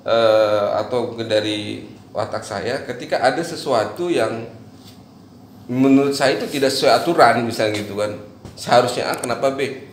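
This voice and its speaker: A man's voice: medium pitch, moderate pace. Echoey-sounding man from eastern Indonesia. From eastern Indonesia, Bima. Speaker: guest. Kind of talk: casual chat. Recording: echoey room, faint noise.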